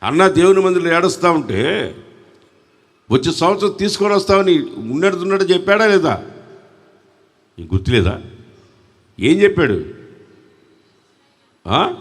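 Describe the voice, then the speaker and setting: A man's voice: sits high, very animated, normal speed, long pauses, in a large hall. A man with a Telugu accent preaching a sermon at a church service, fervently calling on the congregation to respond. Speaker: pastor.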